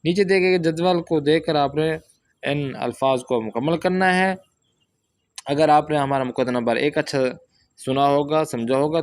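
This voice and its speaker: A man teaching a Persian language lesson from a workbook, reading example sentences slowly and then explaining them step by step. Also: mid-range voice.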